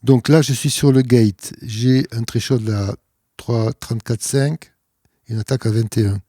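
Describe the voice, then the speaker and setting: A man's voice: medium pitch, steady tone, measured pace, warm tone, no echo, studio quality. French-speaking man explaining a mixing desk. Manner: explanatory, hesitant with frequent fillers. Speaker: studio tutorial host. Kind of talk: audio mixing tutorial. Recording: music playing behind voice. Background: background music.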